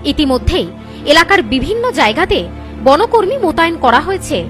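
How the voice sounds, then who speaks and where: A woman's voice: sits high, big pitch swings, normal speed, fairly bright tone, soft background music. A young woman with an Indian Bengali accent reading scripted news as a presenter.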